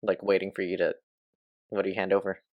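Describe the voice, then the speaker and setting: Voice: low voice, flat delivery, fast, dry recording, dull audio. The game master of a tabletop game, narrating scenes and rulings with a playful manner and frequent laughter.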